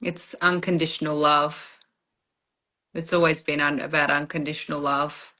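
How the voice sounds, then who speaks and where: Female client, bright clear-edged tone, low-ish pitch, halting personal reflection. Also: flat delivery. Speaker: client in a channeling session.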